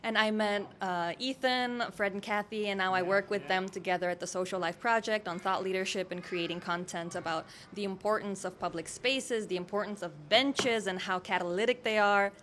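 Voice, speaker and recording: A woman from Bulgaria who grew up in the American Midwest, giving clear, structured explanations on a panel. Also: mid-range voice, steady tone, normal speed, few pauses, fairly bright tone, slight background noise. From Bulgaria, raised in the US Midwest. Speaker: urbanism writer, guest speaker. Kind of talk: panel talk explaining ideas.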